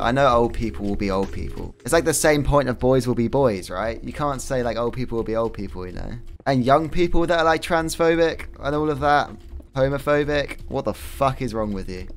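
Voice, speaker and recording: A young man chatting casually while streaming a game, rambling, laughing often and swearing freely. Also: medium pitch. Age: young adult. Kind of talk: casual gaming stream chat.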